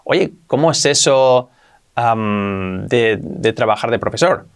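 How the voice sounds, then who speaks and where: A man with a Spanish accent from Spain teaching English grammar in Spanish, repeating each English example slowly and often checking with a quick question. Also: mid-range voice, lively intonation, smooth.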